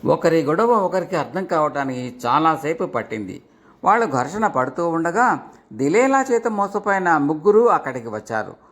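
A man narrating a folk tale in an expressive storybook reading. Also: on the high side, moderate pace.

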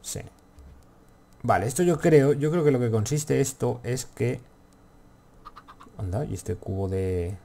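A man with a medium-pitched, mellow voice and vocal fry speaks slowly, pausing often, over slight background noise. As a gaming video host with a Castilian accent from Spain, he offers casual commentary, talking to himself and swearing freely.

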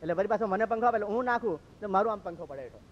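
A man from Gujarat, a monk telling stories in a lively sermon and acting out what others said. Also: sits high, very fast. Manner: lively, acts out quoted speech. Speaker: monk preacher. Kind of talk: storytelling sermon. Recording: dull lo-fi recording.

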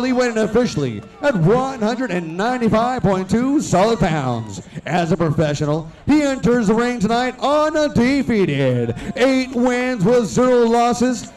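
A man's voice: very high voice, darkish tone. A middle-aged man announcing fights formally and theatrically over an outdoor arena PA, stretching out names like a lucha libre announcer. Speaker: ring announcer. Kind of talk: formal boxing ring announcing with drawn-out fight introductions. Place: outdoor arena, in a boxing ring. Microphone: handheld microphone over PA. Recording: PA announcement heard from a distance.

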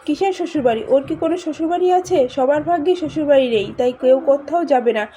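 A woman's voice: high voice, fast, dark tone, slight background noise, natural voice. A woman voicing a brash young man who scolds and dismisses others, in a spoken drama recap. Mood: scornful.

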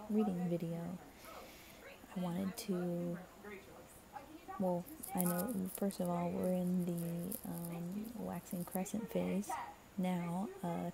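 Softly murmuring young woman, TV behind. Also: lowish voice, gravelly. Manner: soft, half-whispered, rambling with many fillers. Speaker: spiritual reading host. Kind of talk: quiet late-night casual chat. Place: shared bedroom at night, TV on behind. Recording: TV chatter in the background. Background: television playing.

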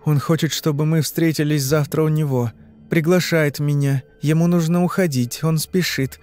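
A man voicing a frightened young woman under hypnosis in an audiobook, answering in short, halting phrases. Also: a little high, fairly even intonation, darkish tone, soft background music, pitched above the performer's own voice, close to an everyday voice. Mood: uneasy. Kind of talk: audiobook reading.

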